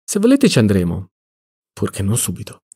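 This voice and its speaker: A man reading an audiobook, voicing a cynical, mocking middle-aged male libertine in a low, soft drawl. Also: wildly swooping pitch, normal speed, breathy edge, full character voice. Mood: boastful.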